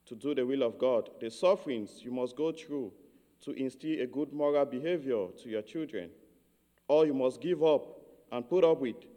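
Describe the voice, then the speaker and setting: Man from Cameroon, priest's homily, mellow voice, long church reverb. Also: medium pitch. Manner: measured, earnest preaching.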